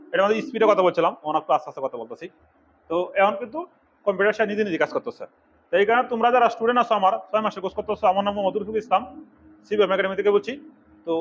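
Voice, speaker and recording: A middle-aged man from Bangladesh, an instructor giving a fast classroom lecture, scolding and urging his students. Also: sits high. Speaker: computer course instructor.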